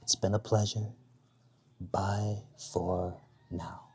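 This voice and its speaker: Slow-talking guy doing a chill jersey show and tell at home, kinda low voice, stops and restarts a lot. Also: little pitch movement, a little mellow, breathy edge, no echo. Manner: unhurried, halting, repeats words as he talks. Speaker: jersey reviewer. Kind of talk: casual show-and-tell vlog. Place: home, with his baby nearby.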